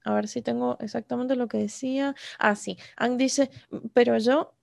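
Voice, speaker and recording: A woman's voice: on the high side, steady tone, normal speed, vocal fry, dry recording. A woman co-hosting a podcast over a video call in a Rioplatense Spanish accent, chatting casually, laughing often and acting out quoted lines. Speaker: podcast co-host. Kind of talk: casual chat. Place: home, remote call.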